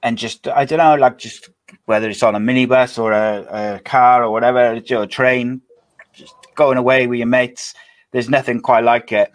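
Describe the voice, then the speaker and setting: A man's voice: medium pitch, steady tone, normal speed, no echo. A man, interviewing in an informal, conversational way as a podcast host. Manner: informal, frequent "like" and tag questions.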